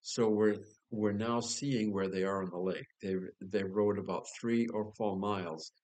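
A man preaching a sermon as pastor, explaining scripture verse by verse and slowing down to stress key words. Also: lowish voice, steady tone, darkish tone, rough recording. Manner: expository preaching with a dry joke, slows for emphasis.

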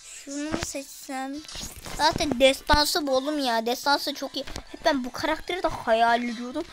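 A woman giving casual, excitable commentary on her gameplay and talking to her viewers. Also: sits high, normal speed, noisy background. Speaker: gaming streamer. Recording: music playing in the background.

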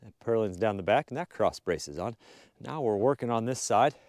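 A young man chats casually while building a barn at an outdoor wooded site, explaining each step as he goes. His voice is fairly low, expressive, a little fast and a little mellow, and the audio, captured by an action camera mounted near the work, is studio quality with no echo.

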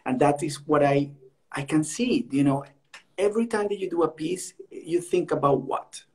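A man working as an art dealer, speaking English as an in a halting way that repeats words, over a video call. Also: a little high, darkish tone. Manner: halting, repeats words, non-native phrasing. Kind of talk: casual conversation on a livestream.

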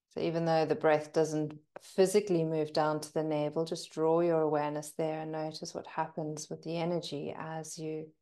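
In a deep voice, a female teacher leads a guided breathing meditation. Her manner is soft and calming, with lingering pauses.

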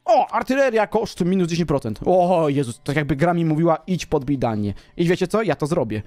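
Lively, boastful man playing a strategy game. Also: fairly high pitch, fairly quick, no room sound. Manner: boastful, playful, talks to the viewers. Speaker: gaming commentator. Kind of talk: casual let's-play commentary.

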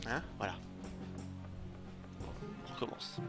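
A young man casually commenting on his gameplay, joking, swearing and talking to his chat. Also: slow pace. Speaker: let's play streamer. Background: game music.

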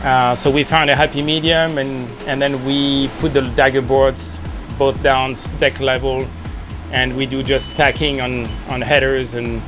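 A laid-back man chats loosely about sailing aboard a catamaran. His pitch is an ordinary middle for a man, and clear music plays beneath his voice. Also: unhurried. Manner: relaxed, rambling, laughs easily. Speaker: sailing vlog host. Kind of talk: casual vlog chat. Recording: with music underneath.

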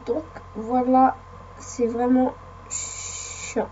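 Sniffling and hoarse from a cold, a woman who plays let's plays rambles casually through her gameplay, talking to the game and to viewers. Her voice sits high but her delivery is flat, very slow, and mellow. The audio is muffled, with slight background noise.

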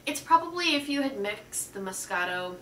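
A woman's voice: fairly high pitch, sing-song, normal speed, bright, forceful tone, distant mic. A woman guest joining a casual wine tasting, playful and chatty. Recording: echoey room, off mic, faint noise.

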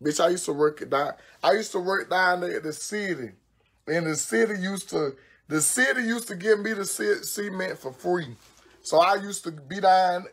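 Speaking at a moderate pace in a fairly low voice, a social media personality does her own nails on a home phone livestream. She talks casually and curses freely, sounding brash, profane and exclamatory.

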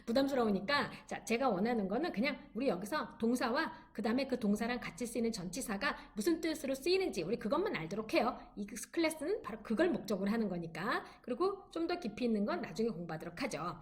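A woman giving an online English lecture, encouraging students and drilling phrases slowly for them to repeat. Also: on the high side, expressive. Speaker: English teacher.

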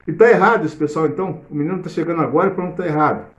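Chatty Brazilian cavaquinho teacher, echoey room. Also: male voice, a little high, racing, lo-fi sound. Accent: Brazilian Portuguese. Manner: chatty, explains theory while playing, hums and sings snippets. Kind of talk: casual live music lesson.

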